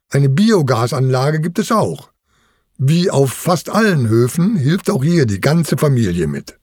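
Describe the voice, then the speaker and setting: Husky-voiced man narrating a children's story. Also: mid-range voice, darkish tone, dry recording, clean studio sound.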